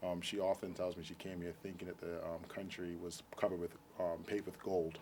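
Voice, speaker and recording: A man's voice: deep voice, level tone, brisk, darkish tone, slight background noise. A young man giving an earnest interview as a political candidate, fluent but with many ums. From Brooklyn, New York. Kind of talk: TV interview answers. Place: TV studio.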